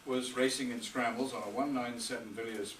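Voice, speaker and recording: A man's voice: medium pitch, fairly even intonation, fairly quick, fairly bright tone. An older man telling dry, humorous anecdotes in a tribute speech at a birthday reception. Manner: dry humour, storytelling pace. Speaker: speaker giving a birthday tribute. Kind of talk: after-dinner speech with anecdotes. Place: hotel reception room. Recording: roomy, distant, noisy function room.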